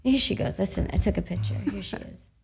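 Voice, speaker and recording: A young woman, an actress guest, chatting casually in a radio studio and telling animated stories with laughter. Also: mid-range voice, quick pace, vocal fry, noisy background. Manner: animated storytelling, laughing, loud when excited. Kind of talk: casual radio interview chat.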